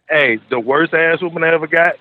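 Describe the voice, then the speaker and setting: A man from Louisiana, telling stories casually as a caller in animated, slangy, swearing talk. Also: fairly high pitch, a little fast, phone-quality sound. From Louisiana, rural South. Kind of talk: casual profane storytelling.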